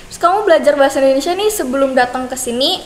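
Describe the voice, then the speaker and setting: A woman's voice: sits high, racing, crowd noise. A woman interviewing a guest in casual, colloquial chat, often repeating the answers back as podcast host. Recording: echoey reverberant room with background noise.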